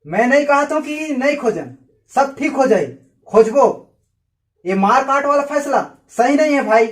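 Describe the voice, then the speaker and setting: A man's voice: very high voice, lively intonation, unhurried. A man with a Chhattisgarhi accent playing an elder brother in a village drama, speaking in a soothing, reassuring way. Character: calm elder brother of the father.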